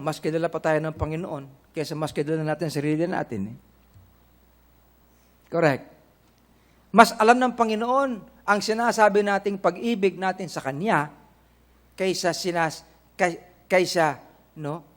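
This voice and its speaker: A man's voice: a little high, unhurried, pauses often, fairly bright tone. A middle-aged Filipino man with a Filipino accent, preaching a sermon to his congregation, quoting scripture and asking them "Amen?" and "Correct?". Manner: preaching in Tagalog mixed with English, quoting scripture. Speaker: pastor.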